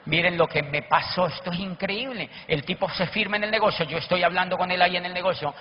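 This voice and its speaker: A man, a network marketing speaker, telling animated seminar stories and acting out the people he quotes. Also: high voice, fast. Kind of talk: motivational seminar storytelling. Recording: echoey hall, dull lo-fi, faint noise.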